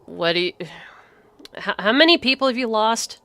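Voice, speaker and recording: A woman's voice: fairly high pitch, sing-song, normal speed, sharp tone. A woman streaming a video game, chatting casually and cracking sarcastic jokes. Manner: sarcastic, joking. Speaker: gaming streamer. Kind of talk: casual chat over gameplay.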